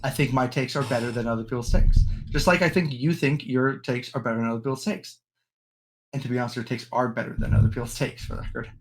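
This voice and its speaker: A man's voice: mid-range voice, fairly even intonation, fast talker. A young man from the United States co-hosting a podcast in casual chat, opinionated and rambling with frequent ums and restarts. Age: young adult. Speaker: podcast co-host.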